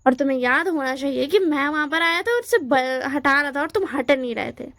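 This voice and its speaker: A woman's voice: high-pitched, expressive, a little fast, fairly bright tone, no echo. A woman voicing a strict middle-aged uncle who complains in an exasperated, teasing way.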